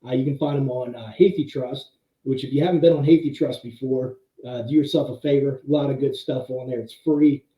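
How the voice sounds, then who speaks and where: A man hosting a monthly history talk, explaining slides conversationally, heard in tinny, low-sample-rate audio from an empty room. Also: fairly even intonation, brisk, reverberant. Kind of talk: casual slide-show presentation. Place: pretty much empty room.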